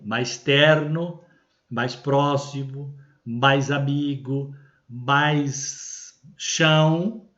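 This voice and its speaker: Brazilian man, bishop, unhurried religious teaching, dull lo-fi sound. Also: mid-range voice, a bit bright. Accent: Brazilian Portuguese. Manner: deliberate, explanatory, frequent tag questions. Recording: dull lo-fi recording.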